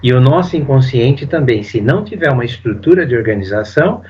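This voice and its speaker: A man, a psychoanalyst, giving a casual spoken seminar commentary, animated and full of fillers. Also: medium pitch, brisk, lo-fi sound. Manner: animated, uses lots of fillers and acts out quotes. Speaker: psychoanalyst teaching Lacan.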